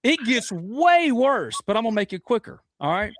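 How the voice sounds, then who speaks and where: Animated fast-swinging man telling stories. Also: no room sound, clean studio sound. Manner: animated, swings loud and high in punchlines, laughs often. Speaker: podcast guest, sports commentator. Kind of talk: casual storytelling chat.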